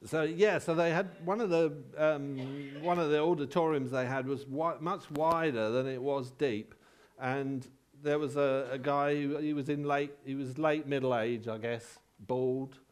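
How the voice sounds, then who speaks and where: A man preaching a sermon in a relaxed, conversational way, halting often and telling personal stories with self-deprecating humour. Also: fairly high pitch, smooth.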